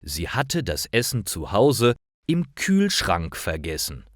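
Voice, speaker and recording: Simple stories for language learners are read by a man whose voice is fairly low. He goes very slowly and deliberately, carefully following a script, and his intonation swings in a lively way. The audio is studio quality, without room sound.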